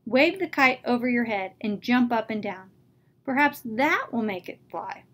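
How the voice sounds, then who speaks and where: A woman reading a children's story, voicing a calm, patient male frog who keeps encouraging his friend. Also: on the high side, unhurried, slight background noise.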